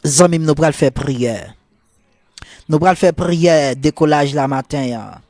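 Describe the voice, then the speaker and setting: A man with a Haitian Creole accent, a priest leading a morning prayer sermon in a fervent, repetitive cadence, moving into softly murmured prayer. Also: on the high side, slow, dry recording, clean studio sound.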